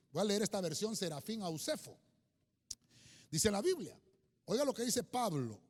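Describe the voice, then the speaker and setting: A man preaching a sermon as a pastor, talking straight to his listeners and slowing down to read scripture with emphasis. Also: sits high, long reverb tail. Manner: addresses listeners as "hermano", reads scripture slowly and emphatically. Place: church.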